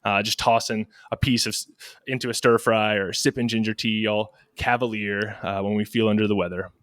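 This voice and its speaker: A man's voice: lowish voice, steady tone, a little fast, fairly bright tone, dry recording, clean studio sound. A young man co-hosting a casual podcast, telling facts in a playful, jokey, theatrical way. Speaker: podcast co-host.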